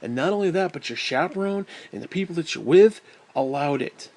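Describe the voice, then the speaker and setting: A man delivers an angry vlog rant in a fairly high voice, cursing freely and sighing hard between jabs. He sounds blunt and exasperated. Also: expressive, a little fast, a little mellow. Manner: profane, blunt, exasperated, with heavy sighs. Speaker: vlogger. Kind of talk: angry ranting monologue.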